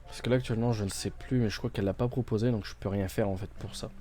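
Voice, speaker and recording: Mellow-voiced man streaming a game. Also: lowish voice, steady tone, fast talker, faint music behind. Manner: thinks aloud, hesitant, many fillers and restarts; reads game text aloud and translates it. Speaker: gaming streamer. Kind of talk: casual let's-play commentary.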